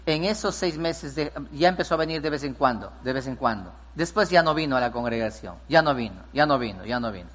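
Preaching pastor in a reverberant hall. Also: male voice, medium pitch. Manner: preaching, swings from hushed storytelling to loud emphatic peaks. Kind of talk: sermon with storytelling.

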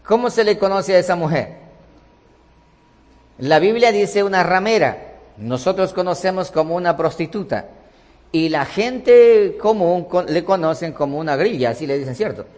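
A man's voice: high voice, animated, normal speed, a little mellow, big-room sound. A man preaching a sermon, emphatic, with rhetorical questions and repetition.

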